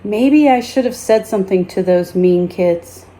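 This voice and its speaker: Using a mid-range voice, a teacher reads a children's story aloud, storytelling in a deliberate and expressive way.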